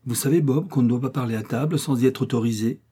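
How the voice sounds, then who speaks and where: Guy doing a stern old governess voice, hoarse and preachy, kinda mellow underneath, audiobook. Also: medium pitch, fast talker, natural voice. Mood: severe. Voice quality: slightly hoarse, solemn. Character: stern severe Swedish governess, old spinster.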